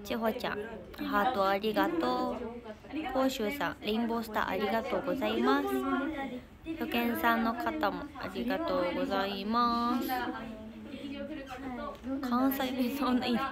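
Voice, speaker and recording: A teenage idol girl hosts a casual livestream in a Kansai accent, her voice set fairly high for a young woman. She chats and thanks viewers one by one, light and friendly. A loud crowd of voices runs behind her. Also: normal speed, pauses often. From Japan. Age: teens. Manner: chatty, thanks viewers often, giggles. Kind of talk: casual livestream chat reading comments.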